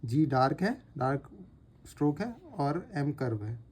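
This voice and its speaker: Guy explaining shorthand strokes, drawing out the sounds, soft mellow tone. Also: mid-range voice, lively intonation. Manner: patient, repeats sounds slowly to show them. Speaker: shorthand teacher. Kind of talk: explaining step by step while writing.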